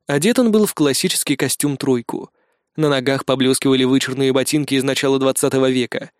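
A male reader narrating first-person fiction in a measured, descriptive way, on a close studio mic. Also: mid-range voice, steady tone, clean tone, no room sound. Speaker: audiobook reader.

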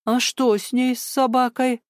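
A woman's voice: high voice, little pitch movement, moderate pace, dry recording, clean studio sound, voice pushed up, natural voice. A woman voicing a sly male district police officer whose friendliness is syrupy and put on. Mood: mock-stern. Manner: syrupy, mock-stern.

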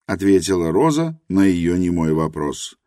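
A man narrating an audiobook in an expressive, literary reading. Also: deep voice, a little slow, dry recording, clean studio sound.

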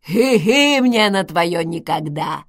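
A woman voicing a rude, creaky old woman speaking through an enchanted intercom, slow, loud and mocking. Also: on the low side, expressive, no room sound, clean studio sound, heavily acted. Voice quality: creaky, hoarse.

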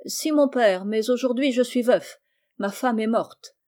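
A calm young prince speaks tenderly and evenly, as a woman reading a fairy tale puts him on. The tone is soft, warm and dark, close to the reader's own voice. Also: on the high side, measured pace, natural voice. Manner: gentle and composed.

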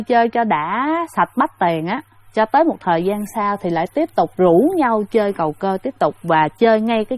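A woman's voice: medium pitch, darkish tone, dry recording. A woman telling a ghost story in a chatty way, speaking straight to her listeners with many fillers. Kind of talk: casual spoken ghost story.

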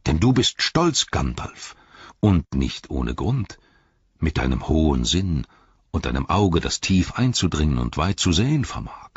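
Guy doing a sly old wizard, deep husky voice, silky then nasty, kinda dull dry audio. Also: big pitch swings, measured pace, no room sound, exaggerated voice. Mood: scornful. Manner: honeyed, then sneering and venomous. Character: scheming old male wizard, silky and scornful.

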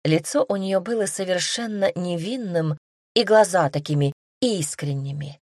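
Low-voiced woman narrating a novel. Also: normal speed, darkish tone, no echo, clean studio sound. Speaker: audiobook narrator. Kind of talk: storybook narration.

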